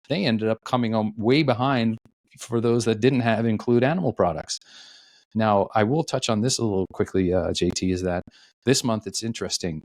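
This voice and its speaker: A man's voice: fairly low pitch, darkish tone, dry recording, clean studio sound. A man speaking as a podcast guest, explaining earnestly with frequent fillers. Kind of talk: casual podcast conversation.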